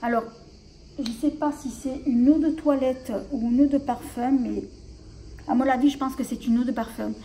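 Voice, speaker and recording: A woman's voice: high voice, steady tone, moderate pace, warm tone, slight background noise, poor audio. A woman vlogger chatting casually about her collection, hesitant and full of fillers and restarts. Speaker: beauty vlogger. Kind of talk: casual show-and-tell vlog.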